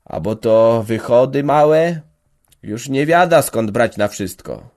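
A man voicing an older peasant farmer, shrewd and guarded, speaking slowly and tersely in rural dialect. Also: medium pitch, darkish tone, lightly acted. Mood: grumbling. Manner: slow, terse, dialect speech.

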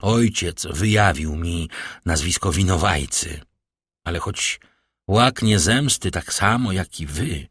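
A male audiobook reader voicing a shaken middle-aged prosecutor who speaks in a strained, lowered voice. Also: expressive, takes it slowly, fairly bright tone, husky, no echo, clean studio sound, full character voice. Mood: tense.

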